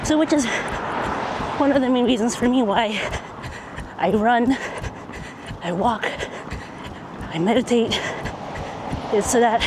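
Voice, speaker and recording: Slow-talking vlogger speaking while running outdoors. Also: mid-range voice. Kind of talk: casual reflective vlog monologue while running. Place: outdoors, on a run. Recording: clear outdoor noise, passing vehicles.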